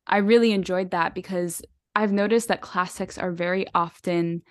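Low-voiced woman gushing about books. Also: fairly even intonation, moderate pace, dry recording, clean studio sound. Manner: enthusiastic, rambling, frequent fillers and laughs. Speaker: podcast co-host. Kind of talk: casual book chat.

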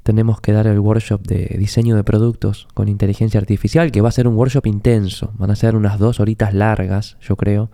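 Rioplatense guy doing a chatty podcast, stuffy nasal flu voice, gravelly, very dry close sound. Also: lowish voice, little pitch movement, brisk, few pauses, dark tone, no room sound. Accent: Rioplatense Spanish. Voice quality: nasal, congested voice. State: recovering from flu. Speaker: podcast host. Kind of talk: reflective conversational podcast monologue. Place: office.

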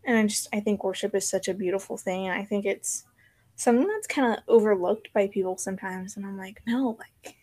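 A young woman guest on a podcast, talking casually and softly, filling her speech with "like". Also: medium pitch, fairly quick. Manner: soft-spoken, heavy use of "like".

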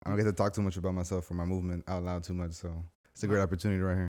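A man's voice: deep voice, little pitch movement, racing, darkish tone. A man in his thirties chatting casually as a podcast guest, laid-back and slangy. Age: 30s. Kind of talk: casual interview chat.

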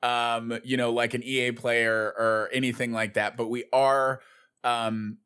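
A man's voice: medium pitch, level tone, measured pace, bright, forceful tone, smooth. A man co-hosting a casual podcast, clarifying points in a hesitant, circling way. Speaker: podcast co-host.

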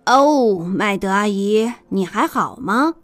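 A gentle doctor speaks in a calm, lowered voice, played by a woman reading aloud. Each line is soothing and patient. It suits a warm children's storybook. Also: measured pace, soft background music, close to an everyday voice. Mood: reassuring. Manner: gentle, reassuring. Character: kind, calm village doctor.

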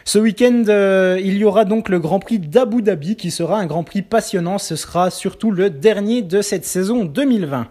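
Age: adult. Sex: man. Role: sports columnist. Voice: high, mellow. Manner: steady reading with filler pauses. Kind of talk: read sports news roundup. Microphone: pre-recorded segment.

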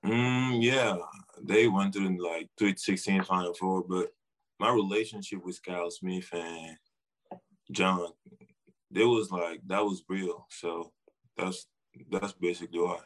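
A man's voice: sits low, fairly even intonation, takes it slowly, poor audio. A young man with a Senegalese accent giving short, informal, slangy answers as a guest in a casual interview. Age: young adult. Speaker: interview guest, basketball player.

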